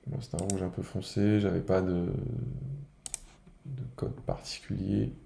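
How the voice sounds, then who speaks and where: A man speaks slowly in a lowish, creaky voice. He casually walks through software steps, thinking aloud as he goes. His informal tutorial delivery is unhurried and improvised. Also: reverberant, a little hiss or hum. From France. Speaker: video editing tutorial presenter.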